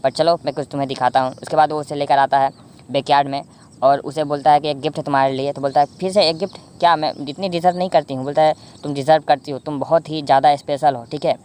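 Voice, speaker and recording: Fast, flat-voiced drama recapper from India. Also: mid-range voice, clear, resonant tone. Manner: rambling, frequent self-corrections and fillers. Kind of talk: casual drama recap narration.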